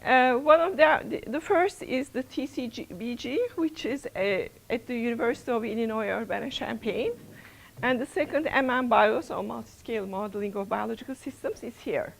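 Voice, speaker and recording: A woman's voice: on the high side, normal speed, vocal fry, poor audio. A middle-aged woman, a research center's principal investigator, opening a workshop lecture in a lecture room, hesitant with many fillers and restarts.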